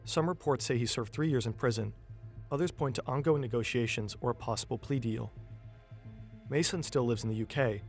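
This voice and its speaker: A man delivers scripted documentary narration in a medium-pitched voice. He works as the narrator, with a music bed running behind him. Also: fairly quick.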